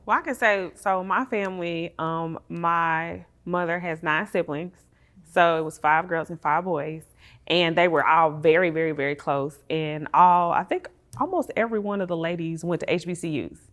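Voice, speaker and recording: Enthusiastic woman guest, low voice. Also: moderate pace. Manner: enthusiastic, bursts into excited laughter. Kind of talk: casual conversation.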